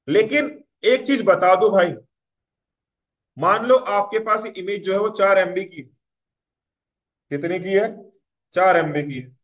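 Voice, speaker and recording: High-voiced man teaching coding, lo-fi. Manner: conversational, repeats "clear?" to check understanding. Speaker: web development instructor. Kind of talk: casual coding tutorial.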